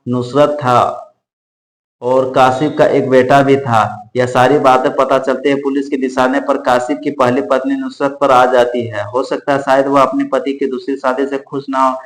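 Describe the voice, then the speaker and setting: A man narrating a true-crime case in an unscripted way, often restarting and correcting himself mid-sentence. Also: mid-range voice. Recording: echoey room.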